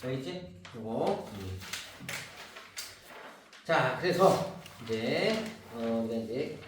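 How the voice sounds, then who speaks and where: Speaking slowly in an expressive mid-range voice, a middle-aged man from Seoul teaches literature at a cram school. His tone is relaxed and teasing, and he keeps asking the large class "right?" Captured from far off, the classroom sounds echoey with faint background noise.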